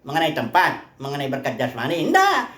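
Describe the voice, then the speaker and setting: A woman's voice: deep voice, wildly swooping pitch, fairly quick, fairly bright tone. Woman, preacher, Bible teaching sermon, question-and-answer manner, echoey worship hall. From Indonesia. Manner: conversational, asks questions then answers them. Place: place of worship.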